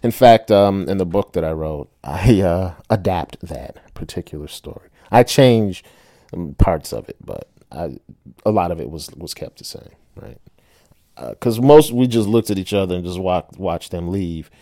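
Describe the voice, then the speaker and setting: Man, middle-aged, low voice, casual storytelling, chatty, says "right?" a lot. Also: expressive, moderate pace, warm tone, no echo, clean studio sound. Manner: chatty, tags lines with "right?", laughs often.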